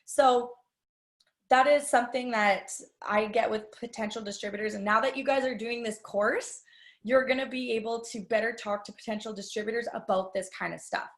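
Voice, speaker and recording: Her voice sits fairly high, with a steady tone and moderate pace, as she leads a live training session in an echoey space. The business trainer keeps it chatty, talking straight to the audience and weaving in personal anecdotes.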